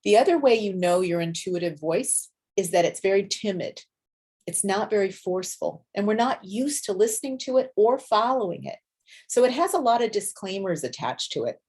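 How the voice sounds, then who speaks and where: A middle-aged woman teaching intuition in a gentle, encouraging way, acting out the inner voices she describes. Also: mid-range voice, expressive, normal speed, breathy edge. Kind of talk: spiritual teaching talk.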